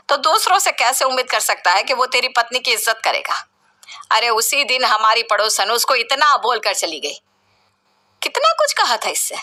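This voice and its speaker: A woman's voice: on the high side, sharp tone. A woman voicing a harsh, scornful middle-aged mother-in-law who scolds and commands in a story narration. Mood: reproachful.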